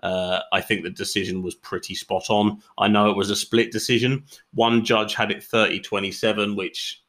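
Chatty man with a low voice. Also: level tone, moderate pace, a bit bright. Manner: chatty and opinionated, with frequent ums and uhs. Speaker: podcast host. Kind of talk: casual combat sports podcast commentary.

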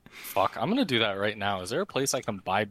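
A man who is high, hosting a casual, unscripted podcast chat in a laid-back stoner manner. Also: sing-song, fast talker, fairly bright tone. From Canada. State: high on cannabis. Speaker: podcast host.

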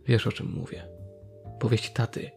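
A man with a low, gravelly voice reading the lines of a dry, teasing young male friend in a horror story. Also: unhurried, darkish tone, soft background music. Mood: pressing.

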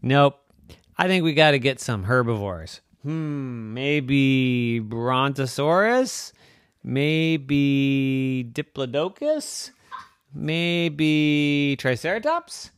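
Storybook kid dinosaur, high and eager; man doing the voice. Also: animated, unhurried, fairly bright tone, smooth, no echo, clean studio sound. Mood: musing. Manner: eager, high-pitched, breathless chatter. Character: excitable young male stegosaurus.

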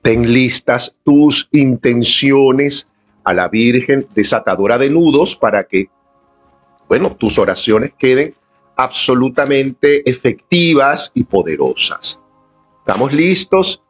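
Slow, earnest man leading a prayer. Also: medium pitch, animated, slightly rough, faint music behind. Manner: earnest, inviting, addresses viewers directly. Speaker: prayer leader. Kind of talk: live-streamed devotional talk. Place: indoors at home, filming on a camera.

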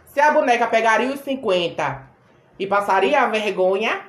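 Woman podcast host, lively storyteller who mimics voices; roomy echo on the recording. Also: fairly high pitch, normal speed. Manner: animated, acts out quoted voices. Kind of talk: casual storytelling chat.

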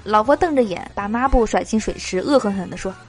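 A woman's voice: medium pitch, expressive, fairly quick, over loud music. A woman hosting a comedy podcast, reading short jokes aloud in a chatty way and laughing between them. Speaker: podcast host.

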